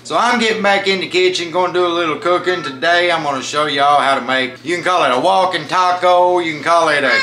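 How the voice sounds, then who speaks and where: A man's voice: on the high side, fairly quick, hardly any pauses. Man, thirties, home cooking vlogger; chatty and folksy, noisy kitchen audio on a camera mic. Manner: folksy, chatty, says y'all. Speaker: family vlogger and home cook. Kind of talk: casual home cooking vlog. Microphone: handheld camera mic.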